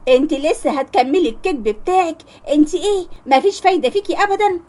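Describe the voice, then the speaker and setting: A woman's voice: sits high, animated, fast talker, a little mellow, pitched above the performer's own voice. A woman with an Egyptian accent voicing a young man, an earnest, hot-tempered fiancé. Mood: angry.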